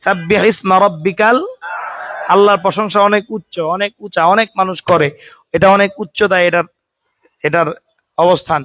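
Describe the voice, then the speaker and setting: High-voiced male religious teacher, lo-fi dry recording, quizzes the class aloud with joking asides. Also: fairly even intonation, moderate pace, long pauses, no room sound. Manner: calls on students to answer aloud. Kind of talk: Quran recitation lesson. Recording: dry, dull lo-fi sound.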